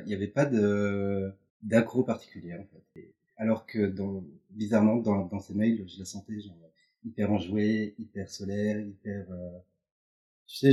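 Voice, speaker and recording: A man's voice: on the low side, warm tone. A man in his thirties, a guest telling stories loosely with lots of fillers, in a home setting. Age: 30s. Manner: loose, filler-heavy storytelling. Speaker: interview guest. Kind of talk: casual chat. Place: couple's apartment.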